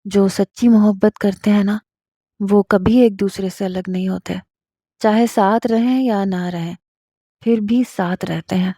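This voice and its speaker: A woman's voice: mid-range voice, steady tone, dark tone, no room sound, studio quality, close to an everyday voice. A woman voicing an earnest, devoted teenage boy who talks in a pleading, heartfelt way in a storybook.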